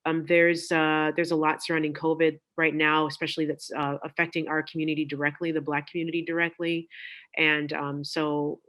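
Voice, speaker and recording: A woman clinician on a video-call panel, speaking in a tired, measured way. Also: deep voice, little pitch movement, fairly bright tone. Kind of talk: panel discussion.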